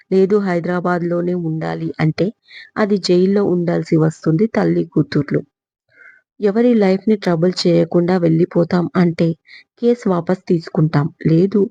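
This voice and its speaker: Brief: narrator plays stern patriarch, cold ultimatum, dark tone, dull recording. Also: female voice, lowish voice, gravelly, no echo. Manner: firm, threatening. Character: stern older man laying down legal threats.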